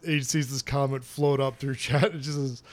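A man co-hosts a casual podcast in an ordinary mid-pitched voice. He makes offhand jokes between the others' stories. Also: fairly even intonation, moderate pace. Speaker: podcast co-host.

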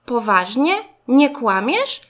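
A woman voicing a scared, stubborn little boy car in a children's storybook, with a high, whiny, pleading voice. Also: very animated, slow pace, a bit bright, heavily acted. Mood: curious. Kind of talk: storybook reading.

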